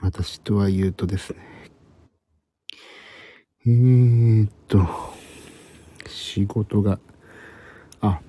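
A middle-aged man speaking in a hushed, husky half-whisper, chatting casually and haltingly to live stream viewers. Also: on the low side. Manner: rambling, hesitant, searching for words. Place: at home in a room beside a sleeping child.

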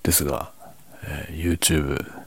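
A man chatting casually and quietly late at night, half whispering as if others in the house are asleep. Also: a bass voice, flat delivery, slow pace, creaky, slightly rough. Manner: speaks quietly, half whispering, so as not to wake sleeping family. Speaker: host of a late-night audio chat. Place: at home at night. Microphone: microphone without windscreen, slightly backed away.

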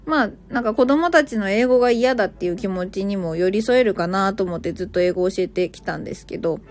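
A woman's voice: medium pitch, fast, a little mellow. A woman who teaches English at a cram school, chatting casually on a live stream and reacting to listener comments with small laughs.

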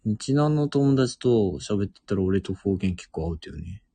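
A young man in his twenties chats with a Miyazaki dialect, easygoing and relaxed. His voice is very low, dark and husky. The sound is close and dry. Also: normal speed, no echo. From Miyazaki, Japan. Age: 20s. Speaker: podcast co-host. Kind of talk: casual chat.

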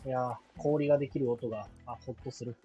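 A woman co-hosting a casual online radio chat, dropping quick dry quips. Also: rumbling low, fairly even intonation, mellow, faint music behind.

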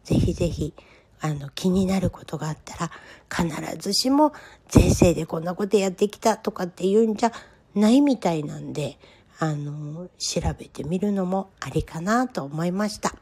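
A woman in her fifties hosting a solo podcast, talking about her own life in a gentle, confiding, reflective way. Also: lowish voice, lively intonation, moderate pace, breathy edge. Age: 50s. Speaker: podcast host. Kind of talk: solo personal podcast talk.

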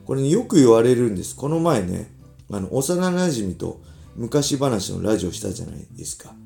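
A man in his forties from Ibaraki, Japan, hosting a casual solo podcast in a relaxed, chatty way with lots of filler asides. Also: medium pitch, moderate pace, creaky, soft background music. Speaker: podcast host, former pro fighter.

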